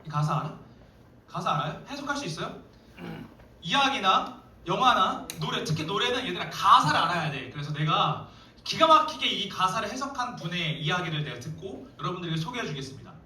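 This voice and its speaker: A man's voice: high voice, sing-song, a little fast, sharp tone, a little hiss or hum. A young man, a youth pastor, preaching a playful, joking sermon to teenagers in a church hall. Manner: playful, joking, addresses teens directly. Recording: echoey hall, mic far off.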